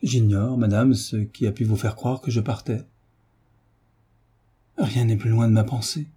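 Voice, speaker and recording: A man reading aloud as a devoted gentleman, speaking with calm, earnest reassurance. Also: fairly low pitch, measured pace, slightly rough.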